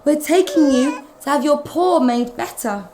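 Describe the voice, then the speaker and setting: A gentle young girl, as a woman reads her aloud, soothing and coaxing. The voice lifts noticeably higher than plain narration and moves slowly and softly. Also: expressive, a little hiss or hum. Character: gentle young girl who owns the cat.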